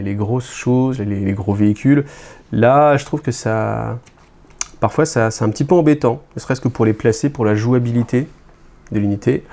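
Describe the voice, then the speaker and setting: Man reviewing a gaming book off the cuff, soft dark tone, halting and chatty. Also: medium pitch. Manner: hesitant, many fillers and restarts, chatty asides to viewers. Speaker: YouTube host reviewing a wargame codex. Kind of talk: casual unscripted review.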